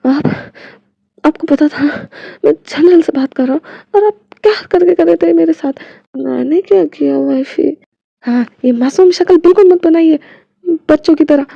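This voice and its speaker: A woman's voice: very high voice, moderate pace, gravelly, no room sound, highs cut off, pitched above the performer's own voice. A woman voicing a flustered young man who scolds and protests in a whiny way. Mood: scolding.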